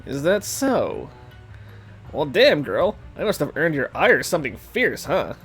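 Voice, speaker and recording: A man's voice: fairly high pitch, wildly swooping pitch, a little slow, a bit bright, slightly rough, soft background music, full character voice. A man voicing a sly, smug young man who drawls and threatens casually while reading game dialogue. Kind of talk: reading a game's dialogue aloud.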